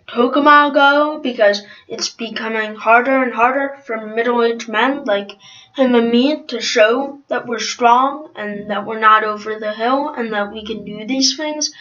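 A hesitant, rambling middle-aged man on a mock contest show, as a woman puts him on. The voice sits high and bright and unhurried, heard through a dull, lo-fi recording.

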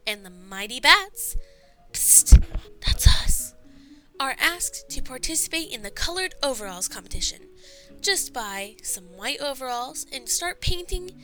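A woman's voice: sits high, sharp tone, full character voice. A woman voicing a chatty teenage girl who hosts a school show in an amateur audio drama, rambling and giggly. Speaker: show host.

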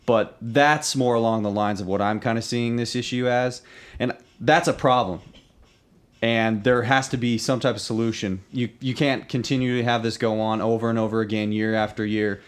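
A man's voice: medium pitch, fairly even intonation, normal speed. A man co-hosting a talk show in casual chat, leaning on fillers as he makes his point. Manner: conversational, leans on fillers like "you know" and "like". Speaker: podcast co-host.

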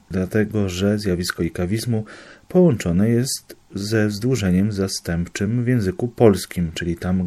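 A man calmly explaining a language topic step by step, pausing to reassure and give examples. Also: sits low, slightly rough. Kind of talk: study explainer.

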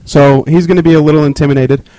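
A man's voice: fairly high pitch, fairly even intonation, fast, dark tone, no room sound, poor audio. A man co-hosting a casual sports chat show who teases the others and laughs easily. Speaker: co-host.

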